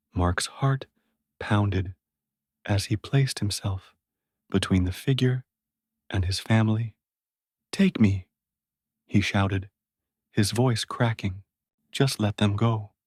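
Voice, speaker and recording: A low-pitched man reads a horror story aloud at a very slow, deliberate pace. His delivery is measured and dramatic. The sound is dry and close, with no room around it. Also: darkish tone, dry recording. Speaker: narrator. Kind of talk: scripted horror story narration.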